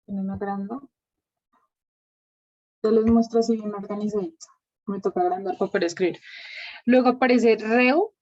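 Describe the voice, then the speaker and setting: A woman's voice: medium pitch, fairly even intonation, normal speed, pauses often, darkish tone. A woman teaching a Bible class over a video call. She thinks aloud while she writes names on a shared screen. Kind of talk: online class with screen sharing. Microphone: computer mic on a video call. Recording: dull lo-fi video call audio.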